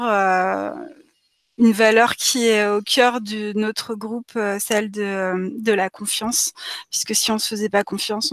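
A woman's voice: medium pitch, no room sound, lightly acted. A woman playing a diplomatic, earnest traveler in an improvised tabletop role-play, hesitantly searching for words.

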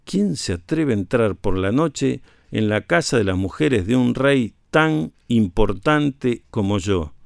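A man reading a tale aloud, voicing a proud male king who demands slowly who dares enter. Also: mid-range voice, animated, vocal fry, no echo, studio quality. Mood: indignant.

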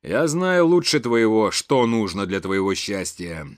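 A man's voice: fairly low pitch, very animated, unhurried, dry recording, studio quality, pitched below the performer's own voice. A man voicing a domineering older nobleman who speaks sternly and threateningly, in a storybook reading.

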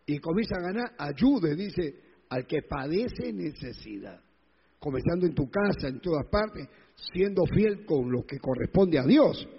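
Un pastor con acento peruano predica con énfasis y repite frases para remarcarlas; su grabación suena apagada y con eco largo de salón. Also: male voice, on the high side, slightly rough. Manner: emphatic, repeats phrases, acts out quoted voices. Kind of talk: sermon. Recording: dull lo-fi sound with long hall reverb.

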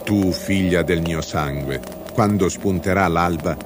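A wise old grandfather speaks in a low, hushed and grave voice, as a man puts him on. He talks slowly and calmly, with an unhurried weight. Gentle music plays behind him. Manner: slow, calm, grave.

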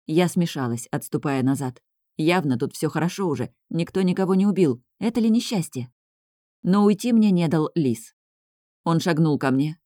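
Female audiobook narrator, expressive first-person telling, dry studio sound. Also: deep voice, no echo. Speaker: audiobook reader.

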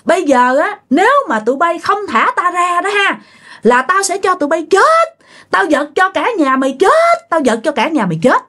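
A woman voicing an angry vengeful old male spirit, with a hoarse raspy voice that sounds aggrieved and threatening. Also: sing-song, normal speed, fairly bright tone, heavily acted. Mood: menacing. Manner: threatening, demanding, high-pitched.

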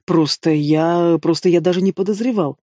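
A man's voice: fairly high pitch, normal speed, warm tone, no room sound, lightly acted. Guy reading a nervous middle-aged court advisor, bowing and scraping, dry audiobook sound. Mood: flustered. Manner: flustered, deferential. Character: anxious middle-aged royal counselor, father.

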